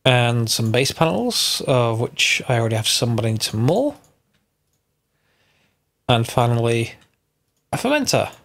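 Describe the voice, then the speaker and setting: He's a Minecraft mod tutorial host whose medium-pitched voice is congested from a cold, gravelly and a bit bright. His pitch swings widely, his pace is measured, and he pauses often while casually thinking aloud and self-correcting.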